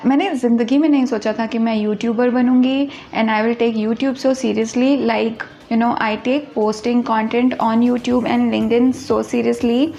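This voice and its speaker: Through a muffled recording comes a somewhat high, slightly mellow female voice. The speaker, a self-deprecating, chatty YouTuber in her 20s, answers viewer questions in a casual birthday Q&A vlog, switching between Hindi and English.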